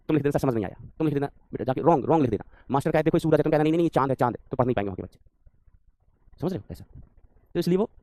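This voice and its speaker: A male physics teacher races through an online lecture at a breakneck clip, his voice sitting a little high for a man. He scolds and teases his students and repeats his phrases for emphasis. The sound is dry and close, with no room around it. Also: a little mellow, dry recording.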